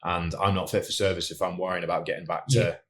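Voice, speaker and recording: A young man from Scotland speaks in a low register as a podcast guest. He is earnest and thoughtful, and he often backs up to restart a sentence. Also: flat delivery, fast talker, slight background noise. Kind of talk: casual podcast conversation.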